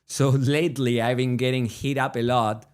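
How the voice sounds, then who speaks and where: Here a podcast co-host from Argentina, with the accent of Argentine Spanish, talks at a normal speed in a mid-range, level tone. The chat is casual and rambling, full of jokes, frequent restarts and laughter.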